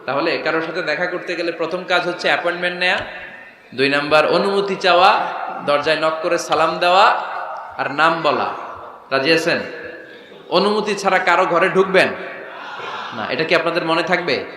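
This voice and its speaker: A man's voice: a little high, bright, forceful tone. Fiery man preaching in an echoey hall. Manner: rhetorical questions, calls on crowd to repeat; acts out dialogues in quick voices. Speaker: Islamic preacher. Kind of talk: Bengali waz sermon with sung recitation. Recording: echoey hall with faint noise.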